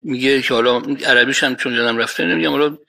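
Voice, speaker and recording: A man, an expert in Islamic economics, explaining his views in a lively discussion, arguing with everyday examples and quoted Arabic verses. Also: medium pitch, gravelly.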